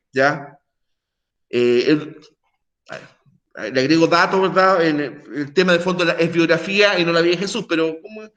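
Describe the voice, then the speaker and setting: A man's voice: high-pitched, fairly bright tone. A middle-aged male teacher giving a conversational online class lecture, full of tag questions and restarts. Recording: echoey room.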